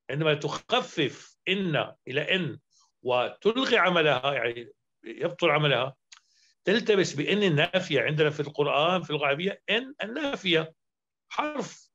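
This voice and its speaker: A man with a somewhat high voice delivers a grammar lesson, laying out each rule and repeating examples. He keeps checking that his students follow along. The recording sounds dull and lo-fi. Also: bright, forceful tone. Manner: explanatory, repeats points and checks understanding. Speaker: Arabic grammar teacher. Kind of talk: lecture explaining grammar verse.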